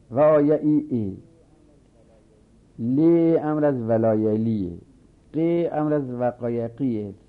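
A man teaching a seminary grammar lesson. He reads a line of the text aloud, then explains it step by step and repeats his examples slowly. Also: mid-range voice. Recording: narrow phone-like sound.

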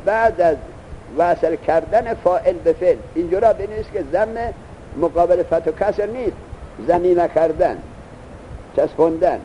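A man's voice: sits high, dark tone, lo-fi sound, slight background noise. A man teaching a grammar lesson, explaining step by step and asking his students questions.

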